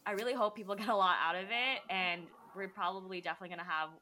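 Bright-voiced young woman podcast host. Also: mid-range voice, fairly even intonation, racing, a little hiss or hum. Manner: warm encouraging, emotional, wraps up with questions. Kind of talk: interview hosting.

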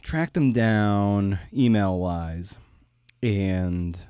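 This man, a writer in his forties, hosts a conversational podcast interview and shares a personal anecdote, meandering and poking fun at himself. His somewhat low voice draws out words and sounds mellow, clear, and resonant. The sound is dry and studio quality.

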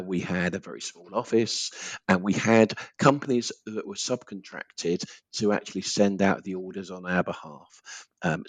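A man's voice: low voice, no room sound. A man with an Essex accent chatting informally as a guest in a conversational interview. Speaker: podcast guest, business owner.

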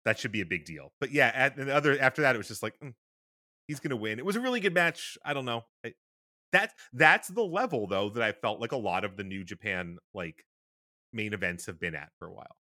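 A man's voice: mid-range voice, big pitch swings, a little fast, sharp tone, dry recording, studio quality. A man co-hosting a podcast in casual chat, rambling with fillers and restarts. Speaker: podcast co-host.

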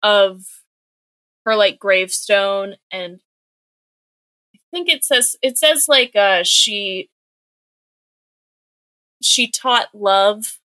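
Young woman on a podcast, super bright voice, chatty and full of "like"s, dry close sound. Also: mid-range voice, animated, dry recording. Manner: chatty, filler-heavy retelling with quick acted-out quotes. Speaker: podcast co-host. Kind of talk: casual chat recapping a comic book.

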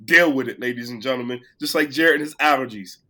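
A man co-hosting a casual sports podcast while sick, his voice cracking, playful and boastful, getting loud when excited. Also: medium pitch, fast talker. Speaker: podcast co-host.

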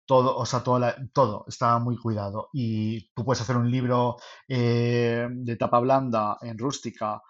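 A man's voice: mid-range voice, flat delivery, normal speed, hardly any pauses. Spanish accent, man, casual rambling talk, muffled podcast sound. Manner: rambling, many restarts and fillers. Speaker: podcast co-host, self-published photographer. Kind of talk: casual chat.

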